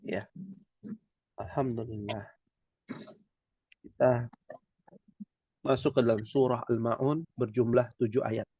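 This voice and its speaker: Male teacher for an online lesson, slow and dry, dull lo-fi call audio. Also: medium pitch, steady tone, slightly rough, no room sound. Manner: patient, repeats "ya" often. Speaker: Arabic teacher. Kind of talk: online class lecture.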